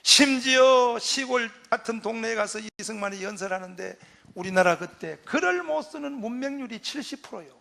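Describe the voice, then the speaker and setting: Pastor guy yelling a fiery patriotic speech, really high gravelly voice, gets the crowd to chant back. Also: moderate pace. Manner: shouting, leads crowd chants; acts out quoted voices.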